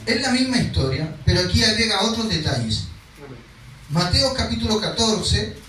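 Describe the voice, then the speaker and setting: A man's voice: sits high, animated, normal speed, sharp tone, recorded from a distance, faint music behind. A male pastor preaching, reading scripture aloud and then explaining it in a conversational way, sometimes acting out the cries of the people in the story. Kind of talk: sermon. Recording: echoey hall, speaker away from the mic.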